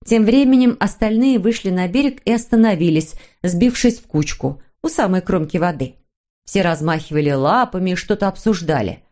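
A woman reading a children's storybook aloud as narrator, in an expressive, even manner. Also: fairly low pitch, normal speed.

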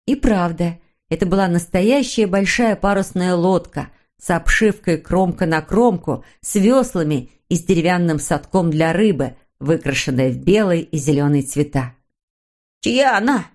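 A woman reading a children's storybook aloud as narrator, in an expressive, even manner. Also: fairly low pitch, moderate pace.

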